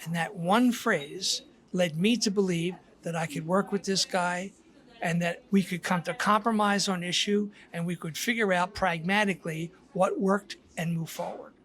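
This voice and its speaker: High-voiced older man telling stories. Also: fairly even intonation, normal speed, a bit bright. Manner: storytelling, reflective, with frequent restarts. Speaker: guest author. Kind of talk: casual podcast conversation.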